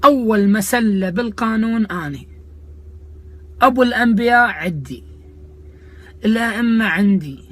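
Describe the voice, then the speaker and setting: A man's voice: sits high, lively intonation, normal speed, long pauses. A man with an Iraqi Arabic accent delivering a comic rant to viewers, mocking, indignant and sarcastic in manner. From Iraq. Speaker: comedian host of a video channel.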